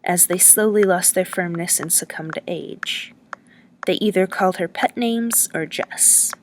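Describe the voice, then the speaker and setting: A woman narrating a story aloud with steady, even-paced reading. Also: lowish voice, a little slow, slight background noise.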